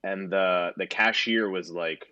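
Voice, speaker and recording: With a deep voice that sounds pushed and bright, a podcast co-host in his twenties speaks slowly while recounting a long, rambling story laced with profanity and fillers. The audio quality is dull.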